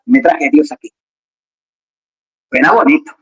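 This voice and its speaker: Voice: medium pitch, wildly swooping pitch, a little slow, muffled recording. Preacher with joking asides. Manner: conversational, joking asides and rhetorical questions. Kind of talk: lively sermon.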